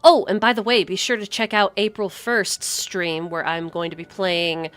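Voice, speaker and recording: Woman gaming streamer, casual sarcastic chat, bright tense voice, dry close sound. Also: medium pitch, steady tone, moderate pace, dry recording. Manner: sarcastic, joking. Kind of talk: casual chat over gameplay.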